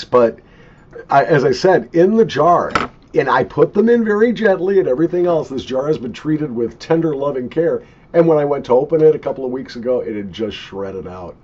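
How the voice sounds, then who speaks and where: A man's voice: mid-range voice, a little mellow, a little hiss or hum. A man in his sixties giving a casual, opinionated, unscripted product review in an emphatic way, recorded at a desk in a small home office. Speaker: pipe tobacco reviewer. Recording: dull lo-fi webcam sound.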